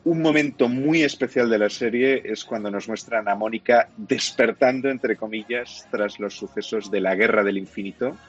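A man's voice: on the low side, moderate pace, few pauses, lo-fi sound, faint music behind. A man with a Castilian Spanish accent giving an explanatory, opinionated review in a conversational radio segment. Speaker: television and film reviewer.

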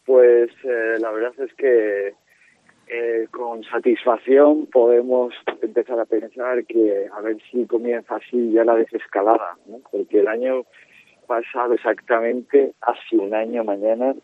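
A man's voice: medium pitch, level tone, measured pace, dry recording. A man who leads a religious brotherhood, answering radio interview questions hesitantly, with frequent fillers, over a phone line. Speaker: brotherhood leader, interview guest. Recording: dry, tinny phone line.

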